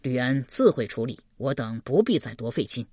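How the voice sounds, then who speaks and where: A woman voicing a calm, reserved male official speaking in measured tones. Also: extremely low pitch, no echo, studio quality, voice pushed down, full character voice.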